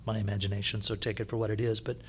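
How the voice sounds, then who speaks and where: A man preaching a sermon, retelling a scripture story with lively storytelling and loud bursts when he reads from the text. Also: on the low side, very fast, slight background noise. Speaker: pastor.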